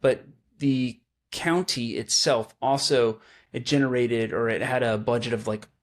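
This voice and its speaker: With a medium-pitched voice, a steady tone and a measured pace, a local news podcast host chats casually. He talks his way through numbers aloud.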